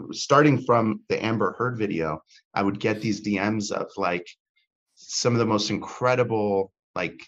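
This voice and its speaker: A man's voice: lowish voice, fairly bright tone, dull audio. A man talking as a podcast guest in casual chat, rambling and restarting with many fillers. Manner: rambling, self-interrupting, frequent fillers. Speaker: podcast guest, comedy content creator.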